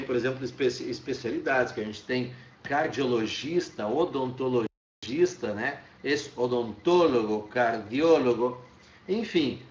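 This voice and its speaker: A man's voice: mid-range voice, recorded from a distance, slight background noise. Brazilian man teaching in an echoey room. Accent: Brazilian Portuguese. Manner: explains with many "tá?" checks and restarts. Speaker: Spanish teacher. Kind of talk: online class lecture. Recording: echoey room, dull lo-fi sound.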